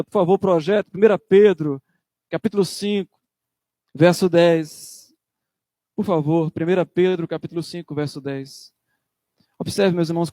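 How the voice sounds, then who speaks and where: A man's voice: high-pitched, darkish tone, no echo, studio quality. A man preaching a sermon as pastor, emphatic, acting out church members in quotes.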